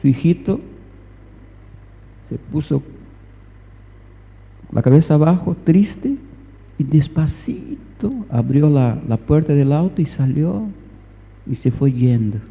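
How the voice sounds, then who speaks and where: A man's voice: a little high, animated, slow pace, vocal fry, long pauses, dark tone. A man preaching a sermon in a church hall, telling a story and repeating phrases for emphasis, recorded with a reverberant, dull lo-fi sound.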